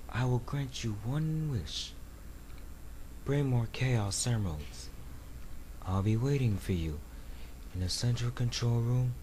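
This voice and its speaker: A man acts out a haughty, menacing hedgehog antihero from a video game. His delivery is slow and dramatic, with big swings in pitch. There is clear noise on the amateur recording. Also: a little mellow. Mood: haughty, challenging. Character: brooding, arrogant male hedgehog antihero, intense and menacing. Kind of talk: video game character voice demo. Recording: noisy amateur home recording.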